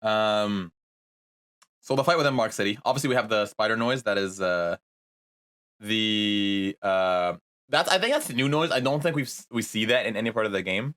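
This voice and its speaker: A man's voice: fairly low pitch, normal speed, fairly bright tone. A man hosting a podcast in casual chat, hesitant with many fillers as he moves the talk along. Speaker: podcast host.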